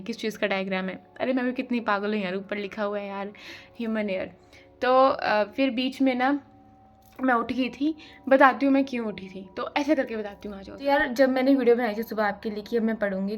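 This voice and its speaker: A young woman chats casually to her viewers about her study days, slipping English phrases into her speech. Her voice sits at a middle pitch, with faint music playing softly beneath her. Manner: chatty, mixes English phrases into Hindi, says "yaar" often. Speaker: vlogger preparing for civil services exam. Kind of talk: casual chatty study vlog.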